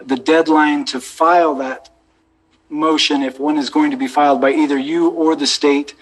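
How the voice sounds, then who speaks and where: A man with an American accent speaking as a judge, giving a measured, deliberate formal ruling from the bench. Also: a little high, fairly even intonation, poor audio. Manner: measured, deliberate, procedural phrasing. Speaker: judge presiding over a court hearing. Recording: courtroom recording with background noise.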